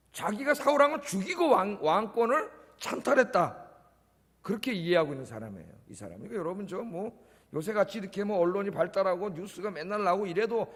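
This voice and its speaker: In an echoey church hall, a pastor with a high, fairly bright voice preaches in a conversational way. He keeps drawing the congregation in with brief questions.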